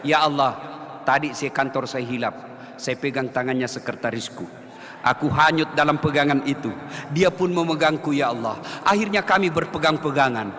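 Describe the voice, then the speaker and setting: A man playing a remorseful worshipper pleading with God in a low, contrite voice. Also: moderate pace, fairly bright tone, long reverb tail, close to an everyday voice. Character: remorseful man confessing sins in prayer.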